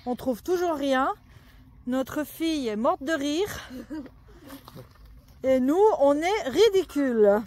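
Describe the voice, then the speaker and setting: Mom filming a treasure hunt at home, high voice, chatty, laughs at herself. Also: female voice, animated, takes it slowly, long pauses, darkish tone. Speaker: parent on a family treasure hunt. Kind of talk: casual home video commentary.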